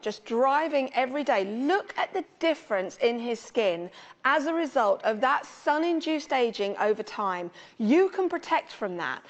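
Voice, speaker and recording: A woman presenting a product as an expert in home shopping host style, earnest and persuasive. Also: high voice. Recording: slightly dull, reverberant studio sound.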